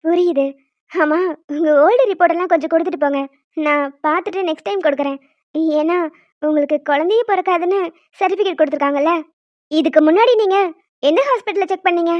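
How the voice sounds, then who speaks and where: A calm, reassuring doctor. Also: female voice, extremely high pitch, no room sound. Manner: measured, reassuring. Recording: dull dry sound.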